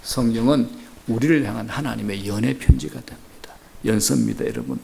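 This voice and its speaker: A middle-aged pastor from the region, preaching earnestly and speaking straight to the congregation. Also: male voice, medium pitch, brisk, creaky, warm tone. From Gyeongsang region, Korea. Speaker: senior pastor. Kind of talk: sermon.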